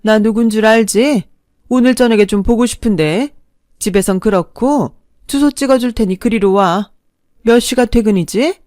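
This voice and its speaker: Brief: woman doing a snapping, haughty mother-in-law, pitched up and loud, dry sound. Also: moderate pace, dry recording, natural voice. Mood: curt. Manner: contemptuous, snapping. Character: sharp-tongued scornful middle-aged future mother-in-law.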